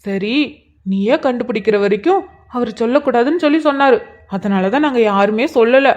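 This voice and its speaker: Woman doing gentle cartoon aunt, coaxing, high, muffled lo-fi sound. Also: brisk, natural voice. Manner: soft, coaxing, speaking to a child. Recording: dull lo-fi sound.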